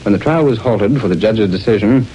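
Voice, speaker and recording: A man acting as announcer, narrating an old-time radio serial in a measured, formal, dramatic way. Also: lowish voice, mellow, a little hiss or hum, close to an everyday voice. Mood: solemn. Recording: dull, band-limited old radio recording.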